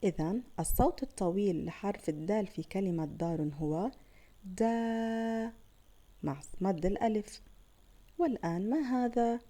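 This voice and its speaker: A woman teaching young children letter sounds, praising them often and stretching out each sound slowly. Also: medium pitch, expressive, dark tone. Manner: slow, drawn-out sounding of letters with praise pauses. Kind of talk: children's phonics lesson.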